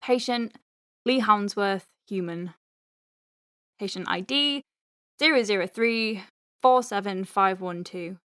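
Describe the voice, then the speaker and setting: In this studio-quality audio drama, a woman with a mid-range, slightly bright, clear and resonant voice plays an exasperated, wry doctor at a space clinic. She dictates a letter slowly, with long pauses, in a dry, clipped mood, her delivery sardonic and conversational with hesitant asides. There's no echo, and music plays behind her.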